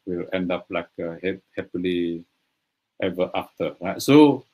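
A man's voice: sits low, takes it slowly, darkish tone. A middle-aged man giving a virtual conference keynote over a webcam from a small room, hesitant, with frequent "right, so" fillers. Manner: peppers talk with "right, so"; hesitant, many restarts and "eh". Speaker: keynote speaker. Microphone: video call webcam.

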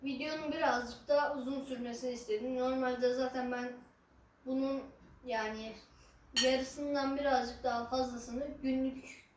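A woman chatting casually to viewers as an eating vlogger, halting and unhurried, with some drawn-out words. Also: high voice, fairly even intonation, a little mellow. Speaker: mukbang ASMR vlogger. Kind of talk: casual chat to camera while eating. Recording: roomy echo, distant mic, faint noise.

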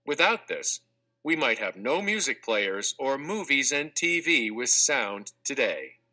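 This is a man narrating an audiobook, reading from a children's textbook. He speaks at a medium pitch, following a script with clear, measured and expressive phrasing.

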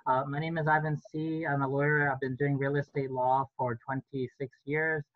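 A middle-aged man, a real estate lawyer, explaining rules on a video call panel in a measured way with frequent fillers. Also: medium pitch, flat delivery, no echo. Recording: dry, tinny phone-like line.

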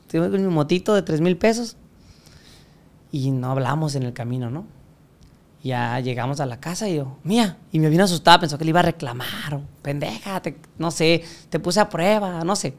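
A man's voice: fairly high pitch, lively intonation, normal speed. A young man with a Mexican accent sits in as a podcast guest, telling a long story in casual, crude slang. He swears constantly and jumps into the voices of the people he quotes. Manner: crude, profanity-laden, acts out quoted voices.

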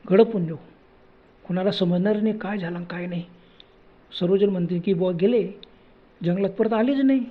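A man's voice: sits high, dark tone. A man telling a horror story in a dramatic, exclamatory way.

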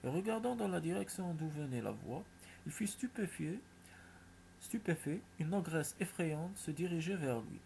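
A man narrating a folk tale with a steady, expressive reading. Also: a little high, moderate pace, vocal fry, a little hiss or hum. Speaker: storyteller.

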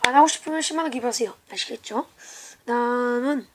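A woman talking casually and unscripted in a halting, apologetic way, often muttering to herself. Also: on the high side, heavy background noise. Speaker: amateur video maker nominating people for a challenge. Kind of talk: casual, unscripted vlog talk.

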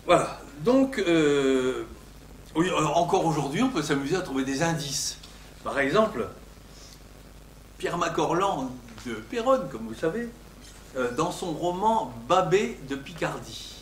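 An older man, a linguistics professor, giving an academic lecture, animated and emphatic on his example words, with frequent hesitations. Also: a little high, unhurried, a little hiss or hum. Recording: echoey lecture room.

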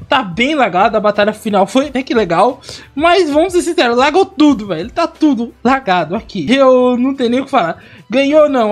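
Fast, lively woman gamer. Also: high-pitched. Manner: excitable, teasing opponents, repeats phrases. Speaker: gaming channel host. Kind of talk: excited Minecraft gameplay commentary.

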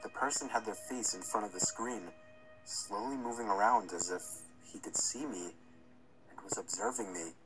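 A man's voice: fairly low pitch, moderate pace, a bit bright, poor audio. A man reading a scripted first-person horror story as its narrator. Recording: music under the narration. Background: music.

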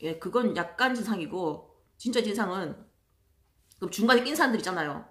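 A woman telling stories in a casual monologue, chatty and exasperated, acting out other people in loud voices. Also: mid-range voice, animated, a little fast. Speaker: vlogger.

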